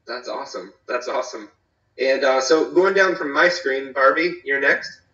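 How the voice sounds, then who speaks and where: A man from North Carolina leads a casual church small group over a video call, talking in a friendly, rambling way full of fillers and restarts. His voice is bright but sounds echoey and distant. The audio is dull, like a laptop call. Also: medium pitch, moderate pace. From eastern North Carolina.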